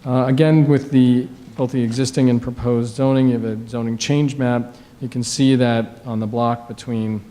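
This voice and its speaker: Man, attorney at a public hearing, measured with fillers, courtroom-style recording, long hall reverb. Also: mid-range voice, level tone, mellow. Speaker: attorney presenting an application. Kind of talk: formal presentation at a public hearing.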